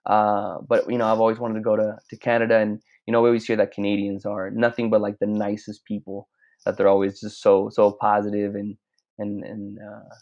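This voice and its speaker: Male guest from Mexico, low voice, rambling stop-start delivery, slightly muffled lo-fi recording. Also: completely flat delivery, fairly quick, darkish tone. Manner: rambling, frequent restarts and stammered repeats. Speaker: guest, clothing brand owner. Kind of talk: casual chat. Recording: slightly dull lo-fi sound.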